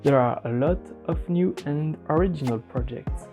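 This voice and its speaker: A man whose first language is French, narrating a travel documentary in a measured, scripted way. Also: on the high side. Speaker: documentary host. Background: music under the narration.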